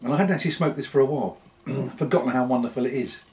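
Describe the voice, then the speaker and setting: A British man in a casual, unscripted vlog chat, talking in an unhurried, rambling way with pauses. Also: medium pitch, darkish tone. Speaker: pipe-smoking vlogger.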